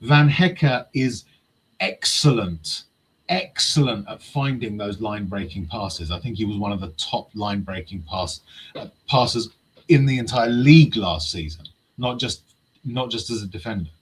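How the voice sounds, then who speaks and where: Husky man, passionate, swearing freely. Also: lowish voice, normal speed, poor audio. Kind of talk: casual football chat.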